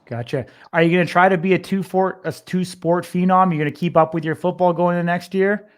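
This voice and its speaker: A man's voice: high voice, steady tone, quick pace. A man working as an interviewer, asking long, rambling questions in a conversational sports interview style.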